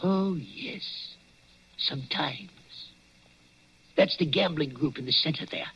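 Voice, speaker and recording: A raspy, nervous old watchman. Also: a little high, slow pace, exaggerated voice. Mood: uneasy. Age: older. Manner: hesitant, hushed, full of "uh"s. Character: old nervous male waxworks night watchman. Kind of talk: 1940s radio acting. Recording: dull old 1940s radio broadcast with music.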